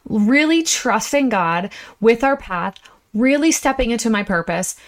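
A woman with a fairly high voice hosts a motivational podcast from inside an RV. She takes her time, yet sounds animated and exclamatory. Her style is casual and chatty, addressing listeners in a folksy way. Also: a little slow. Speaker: podcast host. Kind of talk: enthusiastic casual motivational monologue.

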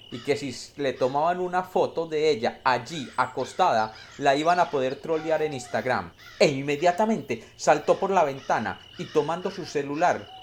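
A man's voice: fairly high pitch, a little hiss or hum. Man telling a dry, satirical fairy tale. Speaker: storyteller. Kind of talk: comedic story narration.

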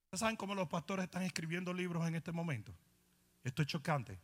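A man's voice: a little high, animated, fast talker, big-room sound. A man pastor preaching a sermon in a challenging, confrontational way.

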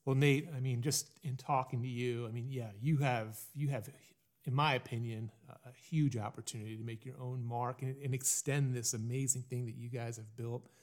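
A man's voice: mid-range voice, steady tone, normal speed, a little mellow. A man hosting a podcast interview, asking questions in a friendly, upbeat way. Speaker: podcast host.

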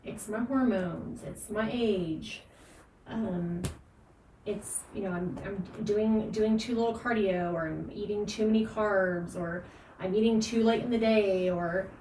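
A woman's voice: medium pitch, a little slow, a little mellow, roomy sound. Woman fitness podcast host, emphatic and earnest, distant mic with faint noise. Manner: emphatic, earnest, frequent fillers and laughs. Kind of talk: casual podcast advice.

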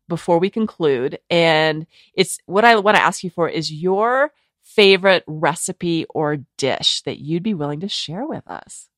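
A woman hosts a podcast interview in an earnest, affirming way, often restarting her sentences as she gathers her thoughts. Her voice sits a little low, recorded close and dry. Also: a bit bright, no echo. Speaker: podcast host.

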